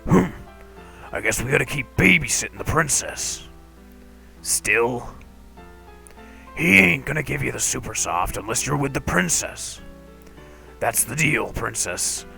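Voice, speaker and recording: A rough young thief grumbles in a loud, gruff voice, put out and grudging, as a man plays him. Faint game music runs underneath. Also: mid-range voice, expressive, a little slow, long pauses, exaggerated voice.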